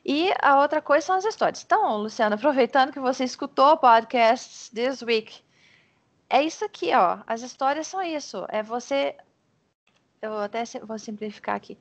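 Brazilian woman, English tutor on a video call; slightly high voice, talkative and encouraging, restarts sentences a lot. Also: expressive, moderate pace. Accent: Brazilian Portuguese. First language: Portuguese. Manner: chatty, encouraging, explains with many restarts. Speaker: English teacher. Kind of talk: online tutoring lesson.

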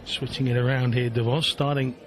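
A man giving live darts commentary in measured, short play-by-play phrases. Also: mid-range voice, flat delivery. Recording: clear background venue noise. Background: darts venue ambience.

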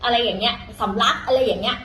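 A woman's voice: fairly high pitch, quick pace, a bit bright, echoey room, a little hiss or hum, poor audio. A woman teaching in a casual, chatty way, full of fillers and self-corrections, talking to viewers as younger siblings. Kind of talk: casual vlog-style lesson.

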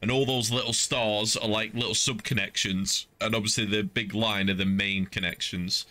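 Wearing a headset in a compact home streaming space, this middle-aged gamer jokes through his gameplay with playful, mock-offended remarks. His pitch sits fairly low, his intonation stays fairly even, and his tone is sharp at an ordinary pace. Behind him play game music and the sounds of vehicles.

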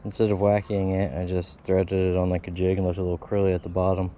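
A fishing vlogger with a deep, monotone voice talks quickly to his viewers from the edge of a pond, calling out every cast and bite in casual play-by-play. His head-mounted action camera captures dull, lo-fi outdoor audio with a slight hiss or hum.

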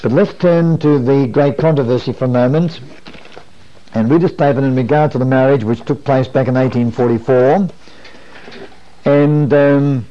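A man's voice: mid-range voice, dark tone. Older man preaching on a lo-fi tape. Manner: earnest, explanatory, asks rhetorical questions. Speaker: preacher teaching a Bible study. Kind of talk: sermon-style Bible lesson with a whiteboard. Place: wood-panelled meeting room. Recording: dull lo-fi 1980s video recording.

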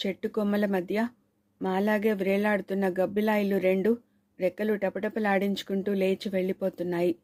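Woman audiobook narrator, measured suspenseful reading, warm mellow voice, dry close mic. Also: mid-range voice, no echo. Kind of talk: scripted novel narration.

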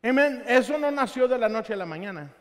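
High-voiced pastor preaching in a reverberant church. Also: male voice, a little fast. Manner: animated storytelling, acting out Bible characters' words. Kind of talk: Spanish-language sermon. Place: church sanctuary during live service. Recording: long reverb of a church hall.

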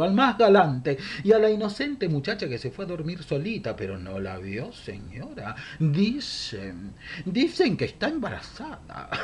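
A man in his sixties with a Rioplatense Spanish accent recites a humorous rhymed monologue into a webcam at his desk at home. His voice is on the high side and slightly rough, theatrical and mock-gossipy, with chuckling asides.

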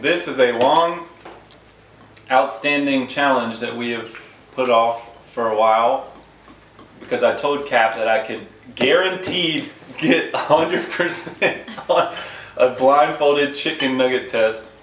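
A man's voice: medium pitch, slow pace, a bit bright. A man in casual chat on a family vlog, boasting playfully and confidently. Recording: echoey room, distant mic, noisy.

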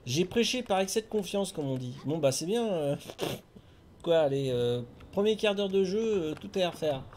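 Chatty streamer, slightly high voice. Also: male voice, lively intonation, moderate pace, a little mellow, slight background noise. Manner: chatty, talks to himself and chat, hums tunes. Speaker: streamer playing a video game. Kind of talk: casual live game commentary.

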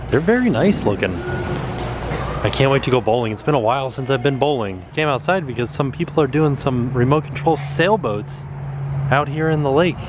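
A man's voice: mid-range voice, animated, fairly quick. A man in his thirties chatting casually and playfully while vlogging in a large bowling alley, on a handheld camera mic. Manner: playful, easygoing commentary. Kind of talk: casual vlog chat. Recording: loud background music.

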